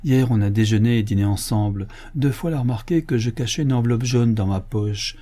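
Man reading a sulky young clerk, defensive, dark mellow tone, audiobook. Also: medium pitch, fairly quick, close to an everyday voice. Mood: confessing. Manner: sullen and defensive. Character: sullen, cornered young male bank clerk. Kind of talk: audiobook character voice.

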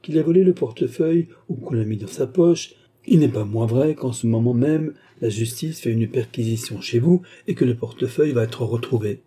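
A man voicing a small, cold false doctor who threatens curtly in a dark, husky voice. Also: medium pitch, moderate pace, lightly acted. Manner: cold, curt, menacing.

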